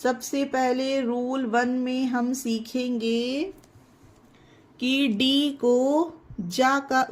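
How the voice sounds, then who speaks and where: A woman teaching English pronunciation in an online lesson, spelling words out letter by letter and calling her viewers friends. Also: fairly high pitch. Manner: spells words letter by letter slowly, then explains.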